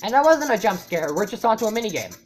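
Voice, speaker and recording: A woman YouTuber giving casual reaction commentary, rambling and swearing often, with loud startled outbursts. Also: medium pitch, big pitch swings, quick pace. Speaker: YouTuber reacting to a fan animation.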